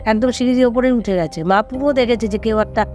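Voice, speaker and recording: A man's voice: extremely high pitch, quick pace, darkish tone, faint music behind. A man telling a ghost story in casual conversation, rambling and repeating himself with many fillers.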